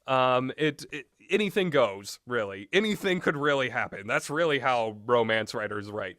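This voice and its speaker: A man with a somewhat high, fairly bright voice rambles through casual commentary on visual novels on his own, blunt and opinionated and swearing freely. The sound is studio quality with no echo.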